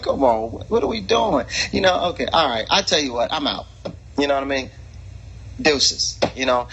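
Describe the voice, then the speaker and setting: A man hosting a casual talk show, rambling and preachy with lots of fillers, in a husky voice. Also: high-pitched, pushed and bright, low-quality recording. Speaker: podcast host and preacher. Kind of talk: casual chat.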